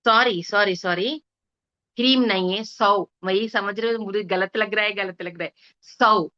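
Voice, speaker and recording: Slow, hesitant woman teaching scripture. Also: medium pitch, bright, forceful tone, muffled recording. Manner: hesitant, restarts, corrects herself. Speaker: spiritual teacher. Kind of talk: slow explanatory lesson.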